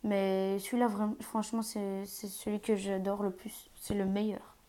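Hesitant streamer woman, mellow voice. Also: mid-range voice, little pitch movement, normal speed. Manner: hesitant, many fillers, drops to whispers at times. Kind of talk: live gameplay commentary. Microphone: earphone mic.

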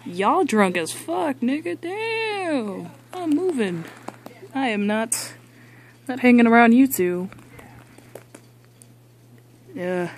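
A girl voicing a boastful, deadpan dad toy who hosts a chaotic talk show in an amateur toy skit. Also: a little high, a little hiss or hum, voice pushed up, heavily acted. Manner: slow, boastful, deadpan rambling. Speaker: talk show host figure.

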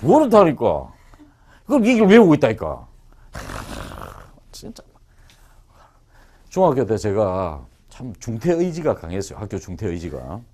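A man teaches English to students in a lecture room. His voice leaps around as he talks, playful and teasing. He keeps throwing quick questions at the class. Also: fairly low pitch. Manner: animated and joking, quizzes the class.

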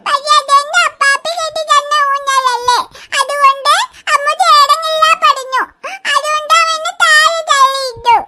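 A woman's voice: very high voice, steady tone, sharp tone, no room sound, clean studio sound, heavily acted. A sobbing, whiny little cartoon girl. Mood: tearful. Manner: whiny, sobbing, drawn-out pleading. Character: small crying girl, hurt and stubborn. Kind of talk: cartoon voice acting.

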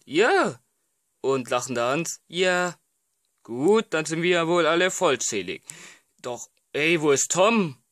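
Playful man switching voices. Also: a bit bright. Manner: playful, jumps between voices with sudden pitch shifts; hesitant, many fillers. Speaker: amateur filmmaker voicing all characters. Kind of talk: homemade comedy film dialogue.

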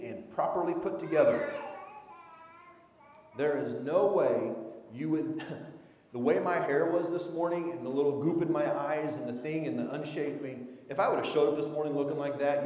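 A man's voice: on the high side, darkish tone. A middle-aged man preaching a sermon in a church sanctuary, conversational and asking the congregation questions. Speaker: pastor. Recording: echoey church room.

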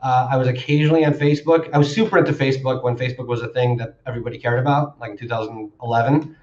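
A man's voice: medium pitch, steady tone, racing, darkish tone. A young man answering as a marketing guest in a casual interview, wry and rambling with many fillers. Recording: roomy, dull lo-fi sound.

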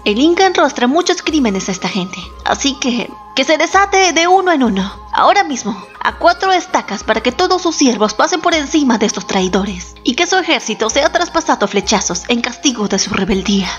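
A woman voicing a proud, victorious male Inca general who speaks harshly and boastfully, with soft music behind. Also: sits high, sing-song, a little fast, few pauses. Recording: slightly dull, soft background music.

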